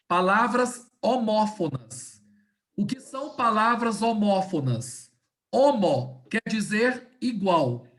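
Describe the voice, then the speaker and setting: A woman with a medium-pitched voice teaches an online class over a video call, with slight background noise. Her didactic style moves step by step, slowing to stress key words, and she checks in often with "tá?" and "né?" to make sure students follow.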